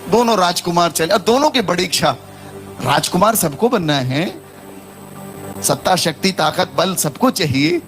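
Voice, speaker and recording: Male Hindi-accented preacher, high voice, animated storytelling sermon, music bed faint underneath. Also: a little slow. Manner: animated, calls out to the congregation. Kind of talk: sermon with storytelling and call-and-response.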